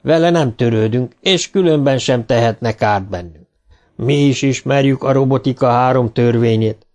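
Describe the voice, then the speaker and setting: A man voicing a burly, swaggering spaceship sailor in an audiobook, gruff and mocking. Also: medium pitch, darkish tone, natural voice. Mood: threatening.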